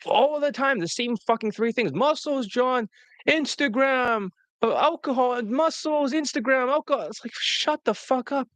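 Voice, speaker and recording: The speaker, a man hosting as a dating coach, talks bluntly and profanely in a promotional coaching style, ridiculing students with whiny, high-pitched imitations. His voice is fairly bright at a normal pace, recorded with no room sound.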